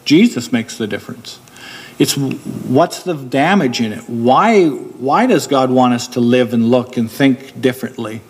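A middle-aged preacher speaks from a wooden pulpit in a church hall, his sermon captured through a pulpit microphone. His medium-pitched, husky voice explains each point steadily, slowing deliberately to drive home the key ones.

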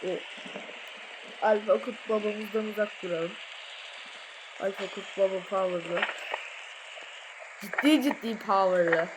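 A woman giving let's-play commentary, jumpy, swinging from muttering to panicked yelling, with playful sing-song chanting. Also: medium pitch, slow pace, pauses often, noisy background. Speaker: gamer.

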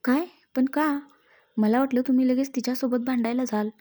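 Woman reading anxious young wife, affectionate, worried, pleading, high, mellow. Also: steady tone, normal speed, natural voice.

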